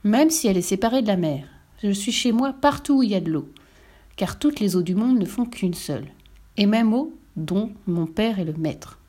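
A woman voicing a wise, gentle immortal mermaid in a read-aloud storybook. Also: medium pitch, expressive, normal speed, lightly acted. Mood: reassuring. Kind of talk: storybook reading.

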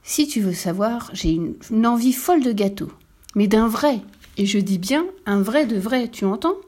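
A woman's voice: a little high, animated, moderate pace, darkish tone. A woman voicing a good-natured, boastful male dog in a children's storybook, emphatic and insistent.

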